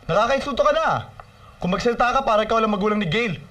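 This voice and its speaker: A man's voice: high voice, lively intonation, very fast, a bit bright, recorded from a distance. A smug lecherous father. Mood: defensive. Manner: smug, defensive, teasing. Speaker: father, boss. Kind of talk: film drama dialogue.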